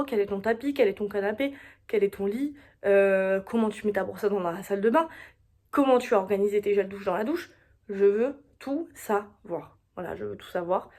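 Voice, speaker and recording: A woman's voice: mid-range voice, a little mellow. Chatty young woman confiding. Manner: chatty, confiding, repeats herself. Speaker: podcast host. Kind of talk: casual solo chat.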